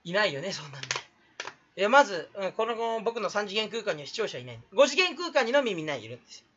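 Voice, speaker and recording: A young man talks quickly and with a lot of swing in his voice, rambling and cracking jokes at his own expense. He slips into a put-on Kansai dialect now and then, and the recording sounds dull and lo-fi. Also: high-pitched, big pitch swings, noisy background. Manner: jokey, self-mocking, rambling. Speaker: YouTuber. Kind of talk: rambling solo vlog talk.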